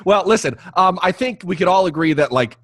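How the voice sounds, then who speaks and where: Male podcast host, animated delivery, joking and rambling, dry close sound. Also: sits high, fairly quick, no echo. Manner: jokey, rambling, many restarts. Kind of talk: casual podcast chat and promo read.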